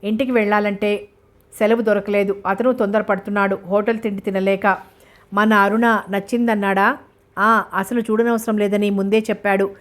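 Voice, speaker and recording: Busy big brother rushing to sort out his sister's match, woman reading it, hasty, flat level voice. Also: mid-range voice, natural voice. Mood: bustling. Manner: hasty and bustling.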